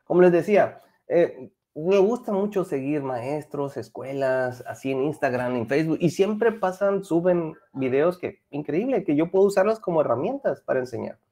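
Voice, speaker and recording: Lively bilingual teacher. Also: male voice, fairly high pitch, moderate pace. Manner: lively, mixes Spanish and English, coaxing students. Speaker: English teacher. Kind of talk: online class for children.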